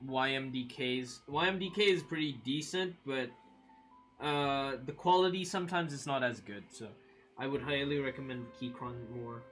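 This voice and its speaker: Soft background music plays as a livestream host in his early twenties talks at a moderate pace in a medium-pitched voice. He's relaxed and chatty, replying to viewer comments with lots of fillers and frequent laughter.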